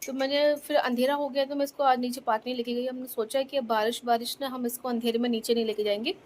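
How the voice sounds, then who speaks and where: A woman's voice: on the high side, little pitch movement, fast, a little mellow, slight background noise. A young woman chatting casually at home into her phone's front camera, teasing playfully about her toddler. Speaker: vlogger. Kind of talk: casual home vlog narration. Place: home bedroom.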